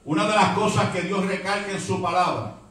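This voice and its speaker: A man's voice: high-pitched, fairly quick, a bit bright, heavy reverb, far from the mic, low-quality recording. A man with a Puerto Rican accent preaching a fervent Pentecostal sermon, dropping in English words. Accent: Puerto Rican Spanish. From Puerto Rico. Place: church hall.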